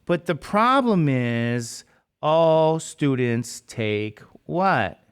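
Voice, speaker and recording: A man teaching a math class, lecturing with quick questions to the students that he answers himself. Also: on the high side, animated, clean tone.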